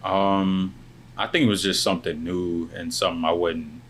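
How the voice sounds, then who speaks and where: A young college football player answers interview questions casually in a very deep, soft-spoken voice with little pitch movement, his measured phrases trailing off at the ends. Born in Lebanon to a South Sudanese family, he was raised in the US. A faint air-conditioner hum sits behind him.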